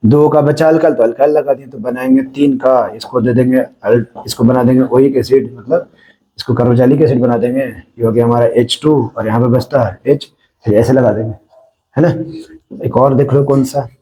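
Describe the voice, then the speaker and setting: Mellow-voiced Indian man teaching chemistry. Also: medium pitch, steady tone, moderate pace, rough recording. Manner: explains step by step, often checking "है ना?". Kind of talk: classroom-style lecture.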